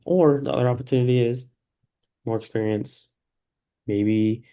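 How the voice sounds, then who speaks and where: Dark-toned, encouraging male mentor. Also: mid-range voice, steady tone, moderate pace, smooth. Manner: easygoing and encouraging, with many fillers. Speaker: peer mentor in a practice session. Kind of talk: faith-based mentoring conversation.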